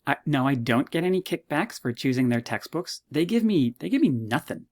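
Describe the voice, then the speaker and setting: A man's voice: fairly high pitch, big pitch swings, brisk. A man in his fifties from Canada, a university lecturer giving a recorded course introduction with playful, mock-modest humor.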